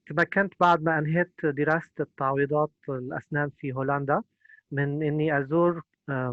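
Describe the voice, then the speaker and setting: A man's voice: on the high side, no room sound, muffled recording. A man, interpreting a lecture consecutively and hesitating with many filler sounds.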